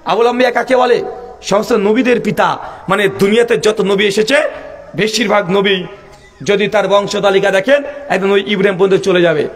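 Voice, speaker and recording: A man preaching an impassioned sermon, chanting and shouting as he puts pleading questions to the crowd. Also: sits high, fairly even intonation, moderate pace, in a large hall. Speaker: preacher at a waz mahfil.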